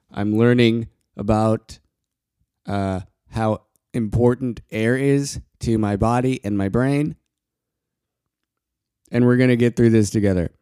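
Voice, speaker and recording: A quiet man hosts his own podcast in a low, even, mellow voice. He talks in short halting bursts and stops often to catch a breath. His smooth tone sits close to the mic in a dry room. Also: dry recording. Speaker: podcast host. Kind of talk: casual solo podcast talk.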